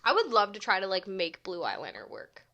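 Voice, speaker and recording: A woman's voice: mid-range voice, wildly swooping pitch, fairly quick, bright, forceful tone. A woman in her twenties co-hosting a podcast, chatting casually with lots of "like" and laughs. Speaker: podcast co-host. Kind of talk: casual chat.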